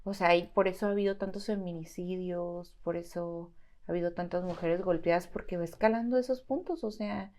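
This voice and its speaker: A woman's voice: lowish voice, fairly even intonation, a little fast, a little mellow. A woman lawyer hosting an interview, with brief affirming prompts and follow-up questions. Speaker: lawyer and host.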